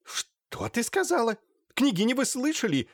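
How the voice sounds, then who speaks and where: A venomous, hysterical matron shrieks insults in a very high, screeching voice, put on by a male reader. Her outbursts swing wildly up and down. It is a dramatic audiobook scene. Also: sing-song, moderate pace, no echo, studio quality, full character voice. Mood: furious, spiteful. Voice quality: shrill, screeching. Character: shrill hysterical middle-aged woman, spiteful mother.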